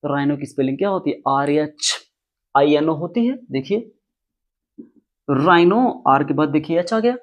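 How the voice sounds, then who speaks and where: A man's voice: fairly high pitch, lively intonation, moderate pace, long pauses, dull audio. A man teaching English pronunciation, explaining rules emphatically and repeating key words. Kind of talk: classroom-style explanation.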